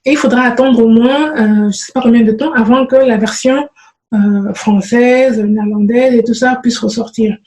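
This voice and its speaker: A woman giving casual advice about programming to her viewers, often pausing with fillers and restarting her sentences. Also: on the high side, steady tone, darkish tone, reverberant, poor audio. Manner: hesitant, many fillers and restarts. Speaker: programming vlogger.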